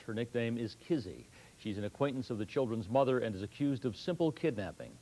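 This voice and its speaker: A man's voice: medium pitch, warm tone, rough recording. A man anchoring a news broadcast, reading scripted stories.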